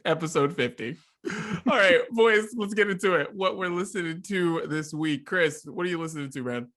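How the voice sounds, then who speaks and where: A man's voice: fairly high pitch, normal speed, a bit bright. A man co-hosting a casual podcast over a remote call, teasing and hyped. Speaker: podcast co-host.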